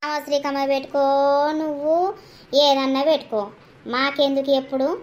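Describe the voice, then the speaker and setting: A woman's voice: high-pitched, completely flat delivery, a little fast, close to an everyday voice. A woman voicing an angry, jealous village wife in a cartoon comedy, scolding and accusing in a Telangana Telugu accent. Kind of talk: animated village comedy voice acting.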